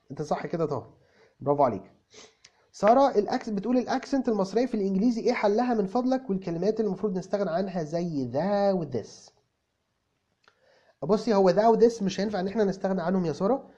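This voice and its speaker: A cocky young male tutor, played by a man, rattles off English examples at speed in an Egyptian Arabic accent, tripping on quick restarts. His voice is dark and mellow. The recording sounds dull and lo-fi. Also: high-pitched. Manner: stammering restarts, explains with repeated examples. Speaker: English tutor answering viewer comments. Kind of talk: comic video lesson.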